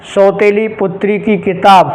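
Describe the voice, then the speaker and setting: Male grammar teacher, high voice, slow deliberate delivery, exam-prep lesson, reads examples out carefully, asks students rhetorical questions. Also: flat delivery, rough recording. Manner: explains in Hindi, slowly reading out English example phrases; addresses students directly and checks understanding with rhetorical questions.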